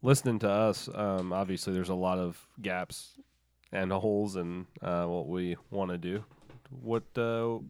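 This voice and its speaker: Man, podcast host, stuffy nose, joking, fairly low voice. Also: fairly even intonation, measured pace, darkish tone, clean tone. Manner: joking, laughs often. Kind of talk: casual chat.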